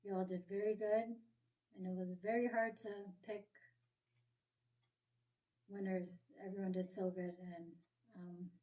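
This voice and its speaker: A woman from South Dakota addresses powwow participants as head judge. Her voice is soft-edged and mellow with very little rise and fall. She is recorded a little way from the microphone. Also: mid-range voice. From South Dakota, USA. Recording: distant microphone.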